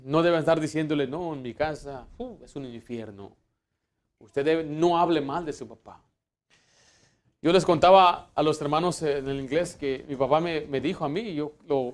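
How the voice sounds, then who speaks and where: A man preaching a sermon as pastor, emphatic and full of restarts, swinging between loud points and quiet asides in a church. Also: on the high side. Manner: emphatic preaching, rising for Bible quotes and dropping to hushed asides; fillers and restarts.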